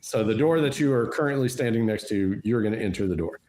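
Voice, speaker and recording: A man's voice: lowish voice, fast talker, a little mellow. A man running a tabletop role-playing game as game master, explaining rules and describing scenes patiently with many fillers and restarts.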